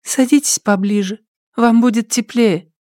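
Style: a man putting on a wary young village woman. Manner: high and sharp. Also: steady tone, a little slow, no room sound, studio quality. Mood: soft.

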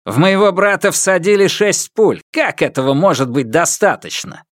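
A man's voice: high voice, animated, normal speed, no echo, pitched above the performer's own voice. A man voicing a vengeful male hostage-taker who barks orders and taunts. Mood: barking vengeful. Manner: barking, taunting, menacing.

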